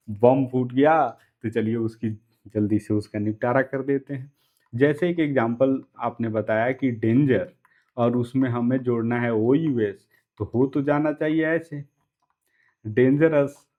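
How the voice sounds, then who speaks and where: A man teaches an English class online, explaining things step by step, repeating key words and checking in often with his listeners. His voice is mid-range, and the sound is lo-fi.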